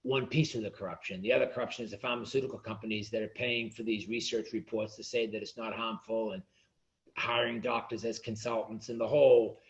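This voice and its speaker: A man's voice: on the low side, little pitch movement, brisk, dull audio. A male author, a guest on an interview podcast, speaking passionately and often repeating words as he argues. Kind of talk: casual interview chat.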